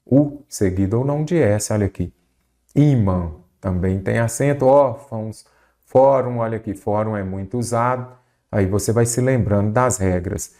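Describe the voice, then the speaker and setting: A man with a Brazilian Portuguese accent teaching an exam-prep grammar lesson, emphatic and lively, asking rhetorical questions of his students. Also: lowish voice.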